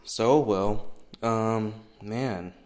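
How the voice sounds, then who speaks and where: A man's voice: on the low side, very slow, darkish tone. A young American man chatting casually and solo as a podcast host, rambling, self-deprecating and sweary, recorded in an echoey garage. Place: indoors in a garage. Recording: echoey garage room sound, breath pops.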